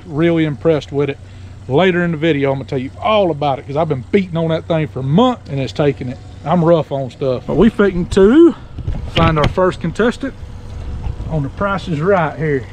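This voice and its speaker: A man with a slightly high voice and a rural South Georgia accent talks casually to his viewers. He has the folksy, unhurried, joking manner of a porch sitter spinning stories. There is faint outdoor noise from the boat and river around him. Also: a little mellow. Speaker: host of an outdoor fishing and camping vlog. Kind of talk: casual chat to camera.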